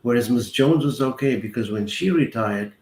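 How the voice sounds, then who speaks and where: A man in his sixties from South Africa, a guest accountant explaining finances in a measured way, walking through worked examples. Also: medium pitch, a little mellow. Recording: roomy echo with faint ambient noise.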